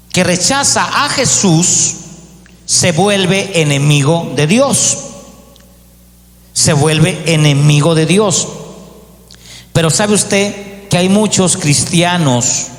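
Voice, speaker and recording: A man preaching a sermon as pastor, rising to emphatic peaks and acting out the voices of doubters. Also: fairly high pitch. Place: church. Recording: echoey church hall.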